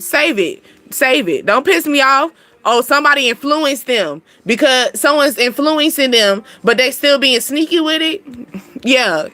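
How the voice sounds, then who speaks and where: Woman host, casual spiritual card reader; high, sharp voice, blunt playful slang, dry close sound. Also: dry recording. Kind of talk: casual card reading to viewers.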